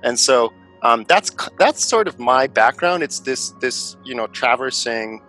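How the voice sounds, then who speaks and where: A man's voice: mid-range voice, animated, a little slow, bright, forceful tone, soft background music, rough recording. A middle-aged man from Finland, answering interview questions in a thoughtful way, with many fillers and restarts. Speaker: venture investor guest.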